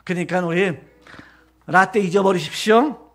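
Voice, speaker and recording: A middle-aged man preaching a Sunday sermon as pastor, animated and joking, often mimicking other people's voices. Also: high voice, normal speed. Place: church sanctuary.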